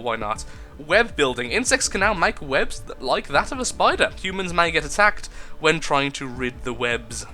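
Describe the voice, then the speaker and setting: A man's voice: fairly high pitch, bright, forceful tone. A young man chatting through a game in a casual, jokey way, reading the on-screen text aloud. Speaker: gaming video host. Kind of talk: casual gameplay commentary.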